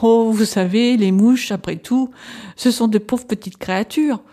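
A woman's voice: on the high side, a little slow, mellow, pitched above the performer's own voice. A woman reading aloud, voicing a volatile male asylum inmate who swings between scorn and pleading. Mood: dismissive. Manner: erratic, flaring into outbursts then pleading. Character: agitated middle-aged male asylum patient.

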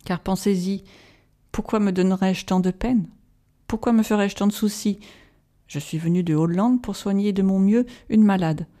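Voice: mid-range voice, steady tone, warm tone, lightly acted. A reader voicing a grave old professor. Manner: solemn, measured pleading. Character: old male Dutch professor, grave and patient. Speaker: audiobook reader. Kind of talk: audiobook narration.

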